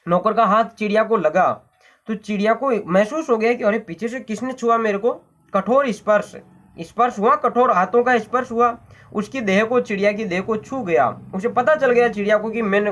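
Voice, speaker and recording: High-voiced male teacher explaining a story. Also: fairly bright tone. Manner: repeats phrases, glosses word meanings, asks "hmm?". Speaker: Hindi teacher.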